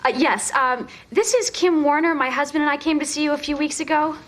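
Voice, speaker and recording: A woman's voice: high voice, steady tone, brisk, a bit bright, slight background noise. An actress playing a practical young mother with a dry, sarcastic manner. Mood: flustered. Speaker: wife and mother. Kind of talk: sitcom acting.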